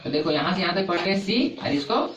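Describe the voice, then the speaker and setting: A man's voice: high-pitched, animated, fast talker, fairly bright tone. A man teaching an English lesson to a class, repeating each point and asking the pupils questions. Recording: echoey classroom from far off, noisy.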